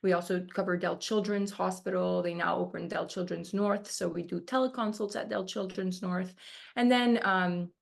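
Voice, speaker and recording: This Argentine dermatology resident in her twenties answers interview questions in a relaxed, filler-heavy way. She speaks at a moderate pace with fairly even intonation, and her lowish voice is creaky.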